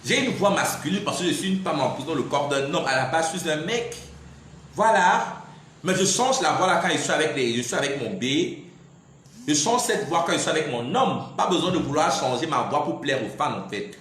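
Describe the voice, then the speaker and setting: A man's voice: a little high, expressive, fairly quick, fairly bright tone. A man giving a defiant live-stream monologue, repeatedly insisting "I'm sorry" and "in fact.". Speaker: livestreamer. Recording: very echoey room, faint background noise.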